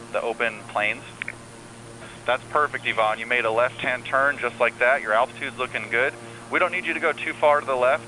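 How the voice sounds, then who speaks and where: A man working as an air traffic controller on the radio, calmly giving reassuring step-by-step instructions. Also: medium pitch, low-quality recording. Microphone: radio transmission. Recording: air traffic radio with faint hum and noise.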